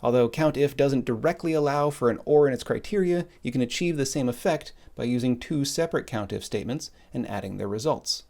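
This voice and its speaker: A man explains a spreadsheet lesson step by step in a calm, methodical voice. His pitch sits in the middle of the range. Keyboard typing comes and goes behind him as he works. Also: fairly quick, few pauses. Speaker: instructor. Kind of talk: screen-recorded spreadsheet tutorial.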